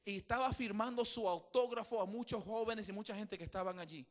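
A man's voice: high voice, brisk. A man preaching a sermon, telling a story and building to emphatic, repetitive exhortation. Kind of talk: bilingual sermon with interpretation.

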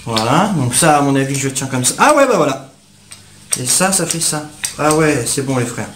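A man's voice: mid-range voice, expressive, normal speed, reverberant, noisy background. A young man casually unboxing gadgets for his viewers, talking in street slang and calling them brothers. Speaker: YouTuber.

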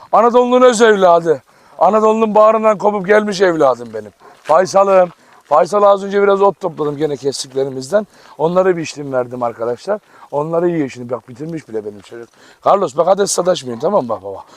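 High-voiced excitable man calling his dogs. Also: dry recording. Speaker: farm vlogger. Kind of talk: casual vlog to camera. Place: outdoor garden with dogs. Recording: noisy outdoor camera recording. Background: dogs barking.

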